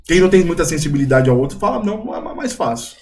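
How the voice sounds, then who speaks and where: A young Brazilian man, a missionary guest, chatting casually and telling lively stories, acting out the voices of people in them. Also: on the high side, quick pace, a crowd in the background. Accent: Brazilian Portuguese. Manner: animated storyteller, acts out quoted voices. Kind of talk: casual chat.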